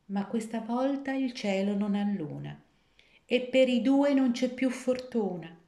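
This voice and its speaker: A woman telling a fairy tale in rhymed verse, with an expressive, sing-song reading. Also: a little high, a little slow. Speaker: storyteller. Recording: echoey room.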